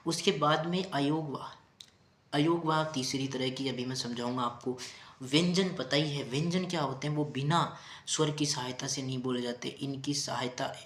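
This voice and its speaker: A man's voice: medium pitch, a bit bright. A male teacher giving a grammar lesson, patiently repeating key terms and asking his students rhetorical questions. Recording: roomy echo.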